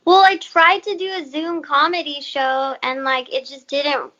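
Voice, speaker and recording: A woman with a high voice talks in a relaxed, hesitant way, trailing off and filling gaps with "like" and "um". She chats over a video call in loose comedic banter. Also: measured pace, dull audio. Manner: laid-back, hesitant, many fillers.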